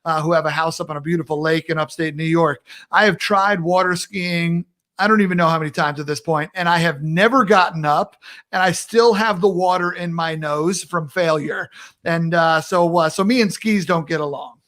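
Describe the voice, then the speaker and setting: A man's voice: a little high, moderate pace, a bit bright. A man hosting a casual live-stream talk show, upbeat and playful, laughing often as he chats from home over a video call. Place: home in Minneapolis.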